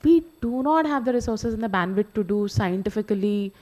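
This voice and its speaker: A woman answering as a panel expert, measured and thoughtful with occasional fillers. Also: medium pitch, lively intonation, mellow.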